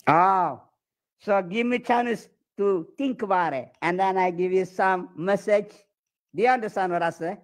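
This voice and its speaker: A man's voice: high-pitched, a little slow. A man with an Eritrean accent speaking broken English, playfully flirting and boasting as a comedian on a video chat. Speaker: comedian prank-chatting.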